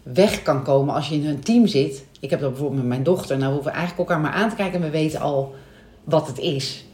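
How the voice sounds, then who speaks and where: Woman podcast co-host, low mellow voice, chatty, echoey room. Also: fast talker. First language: Dutch. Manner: chatty, many fillers and restarts. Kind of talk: casual chat.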